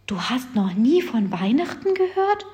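A brave, defiant young girl who speaks up brightly and insistently, as a woman puts her on. She comes from a children's story reading, and the voice carries a long hall reverb. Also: high-pitched, very animated, a little slow, voice pushed up. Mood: earnest.

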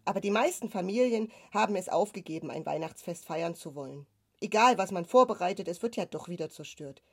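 Woman reading a resigned, gentle father. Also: on the low side, lively intonation, fairly quick, slightly rough.

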